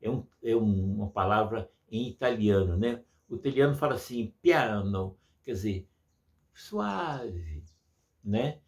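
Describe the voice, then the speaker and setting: A man's voice: fairly low pitch, normal speed, hardly any pauses, darkish tone. A man teaching music to children, patient and full of diminutives, imitating sounds as he explains.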